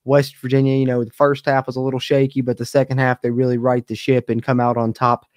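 Young male host, casual live stream commentary, flat delivery, dark tone, dry close mic. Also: medium pitch, fast talker, no room sound. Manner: casual, filler-heavy, talks to live chat. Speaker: sports webcast host. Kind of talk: live sports postgame commentary. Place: home streaming studio, indoors. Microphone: studio mic close on camera.

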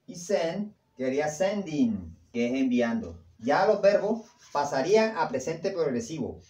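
Man, English teacher, slow careful speech, fairly high voice, echoey room. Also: sing-song, a little mellow. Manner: repeats each English sentence slowly, then translates to Spanish. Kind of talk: language lesson.

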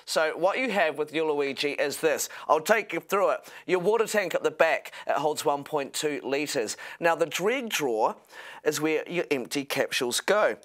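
Higher-voiced male home shopping host. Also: animated, normal speed, fairly bright tone. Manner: upbeat sales patter, step-by-step explaining. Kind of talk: home shopping product demonstration. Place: TV studio kitchen set, indoors.

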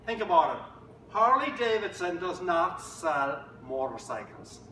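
A man voicing a Northern Irish pub regular who lectures his friend in a slow, emphatic way, recorded from a distance in an echoey room. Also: fairly high pitch, a bit bright, slight background noise. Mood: lecturing. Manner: preachy, drawn-out and emphatic.

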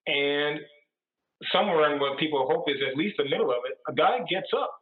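Priest telling jokes over a tinny line. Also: male voice, a little high. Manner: chatty storyteller. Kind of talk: telling jokes on a video call. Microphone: computer mic on a video call. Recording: tinny echoey video-call audio.

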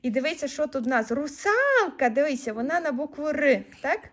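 Young mom, high bright pitch, patient and slow, drawing out each syllable for a small child. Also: female voice, big pitch swings. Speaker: mother teaching her child. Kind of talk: home reading lesson with a child.

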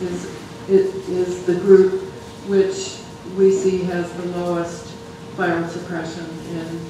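A person presenting data at a public health meeting in a large, very echoey room, picked up from far across the space. The voice stays flat and level, with frequent halts and restarts. Steady background noise sits under it. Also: medium pitch. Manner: halting, many restarts.

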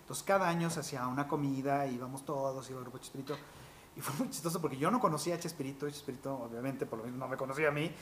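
Fast-talking voice actor. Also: male voice, mid-range voice, a little hiss or hum. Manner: animated, quick anecdotal storytelling with fillers like "este". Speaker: voice actor guest. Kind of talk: interview storytelling.

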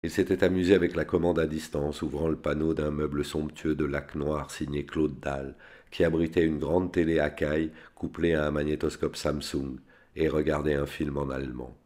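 A man reading a spy novel aloud in a steady, plain storytelling manner. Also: very deep voice, normal speed. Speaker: reader.

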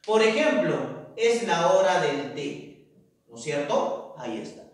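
A man's voice: high-pitched, sing-song, a little slow. A male teacher giving a grammar lesson, asking rhetorical questions and answering them himself. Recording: echoey room, far from mic.

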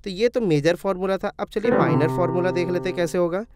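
Speaking fast in a high-pitched voice, a man teaches music theory in a casual screen-recorded tutorial. He takes it step by step, answers the questions he asks himself, and chats with viewers, calling them "brother."

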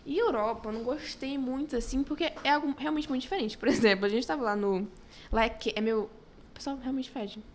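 A young woman with an Acre Brazilian accent, guest on a podcast, telling stories in a giggly, animated way. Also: high-pitched, fairly quick. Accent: Acre Brazilian Portuguese. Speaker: podcast guest, food creator. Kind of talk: casual podcast chat. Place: small podcast studio.

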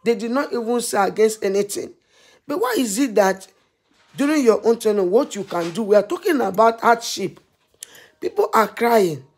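A woman's voice: fairly high pitch, expressive, moderate pace, a little mellow. Woman scolding in a preachy vlog. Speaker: vlogger. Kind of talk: impassioned commentary to camera.

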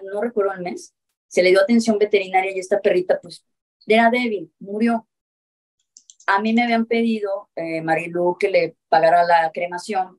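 Interview guest: woman, animal rescuer, lively storyteller who acts out quoted dialogue, lowish voice. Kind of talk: telling a story in a talk show interview.

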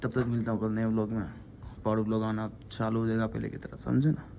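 A man's voice: lowish voice, level tone, fairly quick, vocal fry, dark tone, muffled recording, a little hiss or hum. A young man in his twenties, vlogging casually to a phone held at arm's length, chatty and loose, trailing off tired. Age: 20s. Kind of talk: casual vlog chat. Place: in a car, then a gym. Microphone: phone camera at arm's length.

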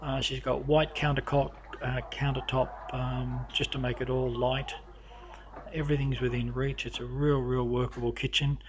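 A man walking through his home with a camera, narrating the rooms in a halting, casual way full of fillers and restarts. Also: mid-range voice, flat delivery, highs cut off, noisy background. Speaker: homeowner giving a house tour. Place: inside a house, walking room to room.

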